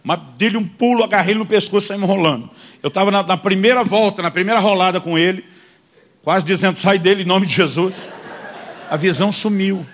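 A Brazilian man preaching, a pastor with a rather high voice. He tells his story animatedly to the congregation, acting out the lines of the people in it. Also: fast. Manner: animated storyteller, addresses listeners as "irmão", acts out quotes. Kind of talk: sermon storytelling.

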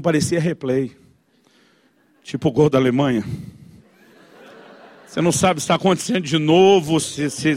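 A man, preaching as a pastor and telling a family story, acting out the voices in it. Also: on the high side. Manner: animated, acts out voices of his inner self. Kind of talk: storytelling sermon.

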